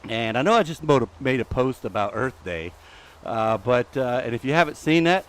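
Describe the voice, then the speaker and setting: A middle-aged man hosts a live gameplay stream while walking on a treadmill, so he sounds out of breath. He rambles in a chatty way and talks back to the creatures in the game. His voice sits at an ordinary middle pitch for a man. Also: lively intonation, moderate pace, clean tone. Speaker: host.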